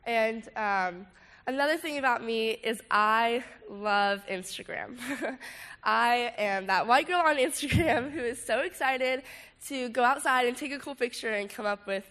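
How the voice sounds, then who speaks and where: A young woman speaks through a stuffy nose, audibly congested and sick. She gives an informal testimony talk in a casual, youthful, halting way, as a student speaker addressing a group. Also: a little high, a bit bright, clean tone. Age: late teens.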